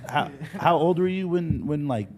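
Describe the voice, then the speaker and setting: A man's voice: a little high, expressive, moderate pace, a little mellow, a little hiss or hum. A man co-hosting a podcast in casual chat, curious and asking the guest questions.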